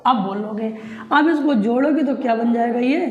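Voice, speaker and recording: High-voiced woman teaching Hindi. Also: a little mellow, roomy sound, dull audio. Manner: repeats questions and dictates slowly, prompting students. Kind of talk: classroom lesson. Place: classroom.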